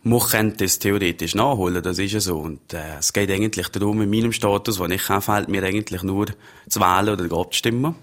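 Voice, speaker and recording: A man with an Upper Valais Swiss German accent speaks as a guest on a radio interview, answering in easygoing, rambling stories. His voice is very deep and low throughout. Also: a little fast. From Upper Valais, Switzerland. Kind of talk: conversational interview.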